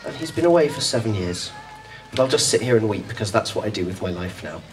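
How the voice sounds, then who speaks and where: A man's voice: on the low side, expressive, quick pace, recorded from a distance, pitched below the performer's own voice, natural voice. A man voicing a weepy abandoned young woman. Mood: mock-mournful. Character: weeping young woman waiting on the shore.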